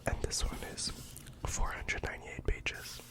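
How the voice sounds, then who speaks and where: Whispered role-play: deadpan librarian recommending books, fully breathy whisper, mock-earnest, slightly hesitant. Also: measured pace. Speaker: ASMR performer playing a librarian recommending books.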